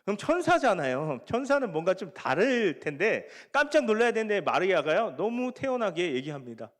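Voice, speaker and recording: A man's voice: high voice, big pitch swings, brisk. A male pastor preaching a sermon to a young congregation, asking them questions and acting out the scripture scenes. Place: church sanctuary. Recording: long hall reverb.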